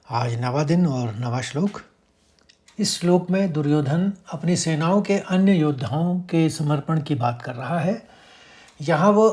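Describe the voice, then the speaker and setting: A man teaching how to pronounce a Sanskrit verse, breaking words into sounds and chanting each line slowly. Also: fairly high pitch. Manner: explains syllable by syllable, chants verses slowly and louder. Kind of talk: slow pronunciation lesson with chanted verse.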